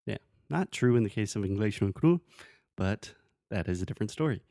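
A native English speaker teaches a casual conversational language lesson, using everyday examples and checking that the listener follows. His fairly low voice is gravelly and warm, fairly quick with lively intonation, in a studio-quality recording with no echo.

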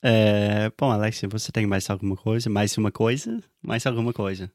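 A man's voice: on the low side, steady tone, moderate pace, darkish tone, no room sound, clean studio sound. A man co-hosting a podcast in casual conversation, often hesitating as he searches for words. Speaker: podcast co-host.

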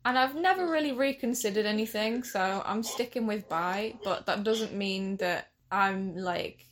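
Young woman, late teens, Hull accent, casual conversational chat, medium pitch. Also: measured pace, a little hiss or hum. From Hull, England. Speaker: youth discussion panellist.

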